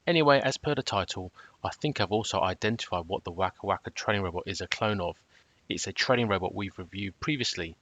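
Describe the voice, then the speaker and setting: A man narrating a scripted review in a measured, matter-of-fact, cautionary way. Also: fairly low pitch, a bit bright, no echo. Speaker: trading robot reviewer.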